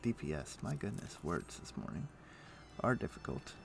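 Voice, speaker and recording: A livestream host plays a video game and mutters short phrases to himself into a desk microphone as casual commentary. His low, creaky voice swings widely in pitch at a moderate pace, with slight background noise.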